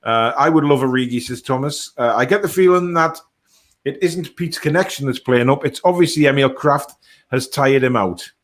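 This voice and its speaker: Casual male football stream host, mid-pitched. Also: normal speed. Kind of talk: casual chat, reading out viewer comments.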